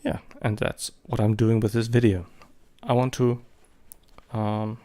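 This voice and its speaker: Fairly low and mellow, the voice of this photography vlogger comes out flat and a little slow. He is in his thirties, a native German speaker using English with a German accent, and he rambles casually with many hesitations and fillers.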